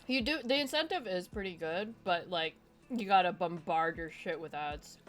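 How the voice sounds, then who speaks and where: A woman's voice: lowish voice, normal speed. Rambling woman streamer. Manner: rambling, restarts words. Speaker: streamer and player. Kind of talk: casual chat.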